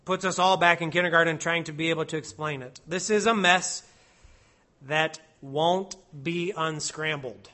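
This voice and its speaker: Guy preaching slow and careful, hits every word, pretty high clear voice. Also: sharp tone. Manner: slow and deliberate, stressing each word, reads Hebrew and Latin aloud. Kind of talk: expository sermon.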